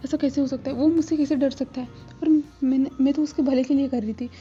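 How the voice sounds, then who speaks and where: A woman voices a stern grandmother in a storybook retelling, speaking in an indignant, scolding way. The voice is a little high but dark and mellow. Soft music plays under a slightly muffled recording. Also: steady tone, brisk, close to an everyday voice.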